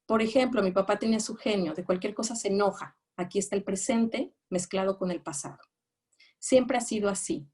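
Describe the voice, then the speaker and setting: A woman's voice: medium pitch, brisk, a little mellow, slightly rough. A woman giving a psychology lecture, explaining patiently and often checking that her listeners follow. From Mexico. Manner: explanatory, checks understanding with rhetorical questions; reads out quoted phrases in raised, acted tones. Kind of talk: lecture on attachment narratives.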